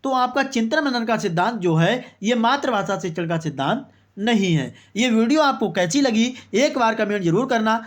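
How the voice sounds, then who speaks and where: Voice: mid-range voice, expressive, normal speed. An online exam-prep teacher leading a quiz-style coaching lesson, who calls viewers brother and friends, reads out each answer option as a rhetorical question, and keeps adding "okay, exactly" between answers.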